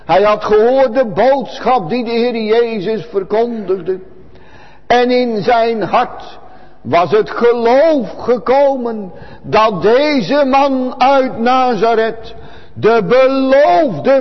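A man preaching a sermon to a church congregation, in a slow and solemn cadence. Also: extremely high pitch, big-room sound, lo-fi sound. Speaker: pastor.

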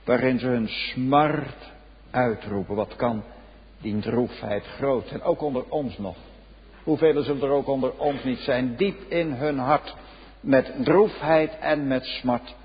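A man preaching a solemn sermon, swinging between loud exclamations and hushed, low passages. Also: takes it slowly, breathy edge. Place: church. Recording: dull lo-fi recording in a reverberant church.

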